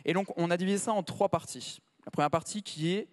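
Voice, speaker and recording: A man's voice: sits high, brisk. A man giving a conference talk with slides, chatty and conversational, turning to the audience and making small asides. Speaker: conference speaker. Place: large conference hall. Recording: long hall reverb.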